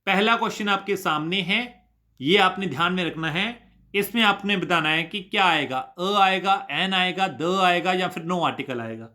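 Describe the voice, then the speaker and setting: A man's voice: high-pitched, moderate pace, bright, forceful tone. A man teaching an exam-prep grammar lesson, drilling students with repeated questions and answers.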